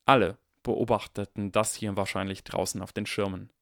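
A man narrating an audiobook in a lively, expressive, dramatic reading style. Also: fairly low pitch, moderate pace, creaky, no echo, studio quality. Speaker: audiobook reader.

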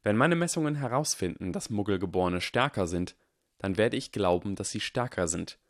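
A man voicing a calm, earnest boy wizard. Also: lowish voice, no room sound, clean studio sound. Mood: calm, measured. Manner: calm, measured, persuasive.

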